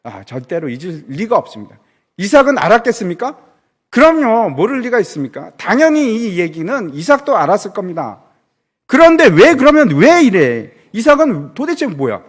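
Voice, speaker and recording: A male pastor delivering a sermon in a church, his voice set high and swinging widely in pitch. He poses questions to the congregation and answers them himself. He often slips into other people's voices to act out their words. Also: sing-song, moderate pace. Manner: dramatic preaching, acting out characters' words; asks and answers rhetorical questions.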